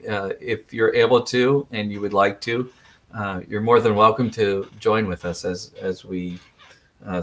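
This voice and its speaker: A man leading a worship service, speaking gently and unhurriedly with many pauses, his voice still rough from morning. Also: fairly low pitch. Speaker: worship leader. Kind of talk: casual address to a congregation.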